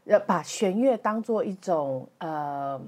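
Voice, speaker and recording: A woman from Taiwan chatting in an interview as a guest conductor, in halting Mandarin, pausing to search for words and mixing in English words. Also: fairly low pitch, expressive, darkish tone. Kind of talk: casual interview chat.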